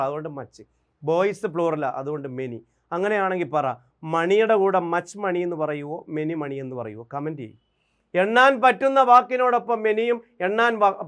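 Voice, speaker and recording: A man with a Malayali accent, a native Malayalam speaker, teaching English grammar for exams, drilling examples and asking quick questions. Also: high-pitched, a bit bright, smooth. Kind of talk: exam-prep grammar lesson.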